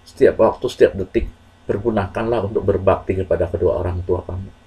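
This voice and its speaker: A man telling a moral story to children in a slow, earnest, measured way with pauses. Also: low-pitched, steady tone, dark tone, husky, low-quality recording.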